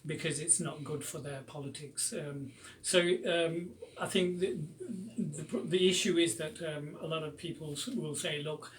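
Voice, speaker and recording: A man's voice: on the high side, fairly even intonation, unhurried, hardly any pauses, distant mic, low-quality recording. A man appearing as a pharmacist guest on a radio talk show, speaking casually with many ums and uhs. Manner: frequent ums and uhs, agreeing with yeah.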